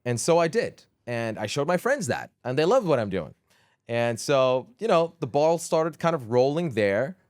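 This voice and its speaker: A Dutch man from the southern Netherlands, a gaming creator appearing as a guest on a casual podcast interview, chats in a dry room. His voice is medium-pitched and moderately paced, and he sounds relaxed and chatty, using lots of fillers.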